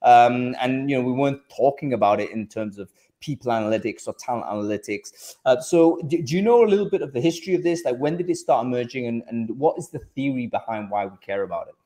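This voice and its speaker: A man's voice: medium pitch, expressive, fast talker, few pauses, dark tone. Chatty male host on a video call. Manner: friendly, chatty, many restarts and fillers. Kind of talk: live video-call panel hosting. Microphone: over-ear headset on a video call.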